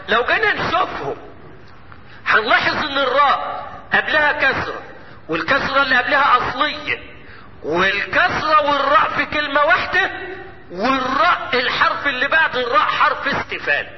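A man with an Egyptian Arabic accent teaching Quran recitation rules, quizzing his students and answering his own questions, and chanting verses slowly. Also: very high-pitched. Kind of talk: lesson. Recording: echoey hall, muffled lo-fi, faint hiss.

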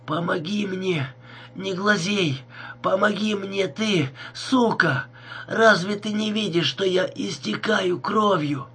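A man reading an audiobook, voicing a stabbed young man who begs for help in a hoarse, choked voice with slow, gasping words. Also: sits high, bright, forceful tone, pitched above the performer's own voice, exaggerated voice. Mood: desperate.

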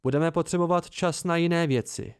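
A man voicing a weary, soft-spoken innkeeper in an amateur audiobook, with a raised, plaintive delivery. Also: fairly high pitch, clean tone, dry recording, studio quality, pitched above the performer's own voice, natural voice.

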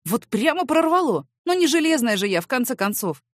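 A woman reading a first-person romance novel aloud with an expressive, animated delivery. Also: high-pitched, brisk, no room sound, studio quality. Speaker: audiobook narrator.

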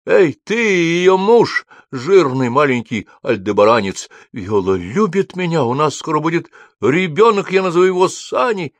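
A man's voice: a little high, lively intonation, moderate pace, no echo, pitched above the performer's own voice. A man voicing a melodramatic young hero in an audiobook, exclaiming and declaiming. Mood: pathetic, rousing.

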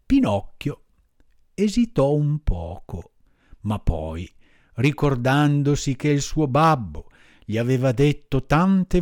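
A man narrating a storybook in an expressive, measured reading voice. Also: medium pitch, no echo, studio quality. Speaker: audiobook reader.

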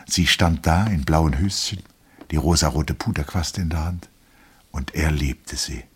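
A man narrating a novel in a measured radio reading. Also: very deep voice, slightly rough.

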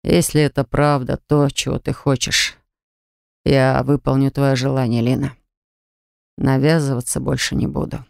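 A woman narrator voicing a remorseful husband who begs his wife to come back, speaking low and hushed in an audiobook. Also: little pitch movement, moderate pace, gravelly, clean tone, dry recording, studio quality, lightly acted. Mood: pleading.

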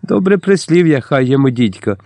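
A man's voice: mid-range voice, animated, a little fast, dark tone, no room sound, close to an everyday voice. A pompous, plump guard chief, as a male narrator puts him on talks down to everyone in a raised, self-important tone. The recording is close and dry. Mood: sly. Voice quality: pompous, haughty.

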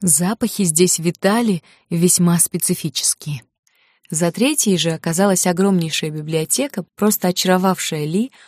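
Low-voiced woman reading a fantasy novel. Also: dry recording, clean studio sound. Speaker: audiobook narrator. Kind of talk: scripted narration.

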